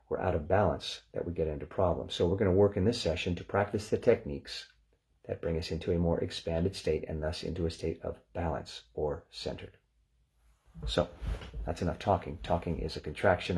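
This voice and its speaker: Male relaxation guide, very low and mellow voice, calm and unhurried. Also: vocal fry. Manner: calm, unhurried, gently instructive. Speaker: relaxation session leader.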